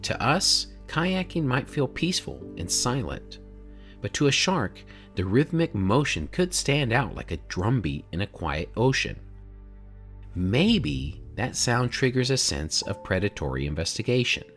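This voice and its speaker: A man in his forties, the channel's host, narrating a documentary voice-over in a measured, explanatory way with rhetorical questions. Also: mid-range voice, sing-song, fairly bright tone, soft background music. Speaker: drone videographer and channel host. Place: home studio room, indoors.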